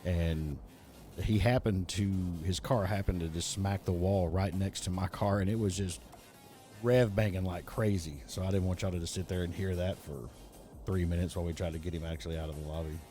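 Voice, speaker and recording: Man, low mellow voice, casual joking esports host. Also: fairly even intonation, a little fast, soft background music. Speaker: race event host and commentator. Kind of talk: live esports commentary.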